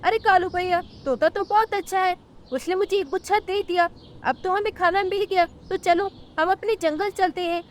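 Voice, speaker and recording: Little honest sparrow voiced by a woman, polite, pleading, very high voice, cartoon. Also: moderate pace, a little hiss or hum. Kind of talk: cartoon storytelling.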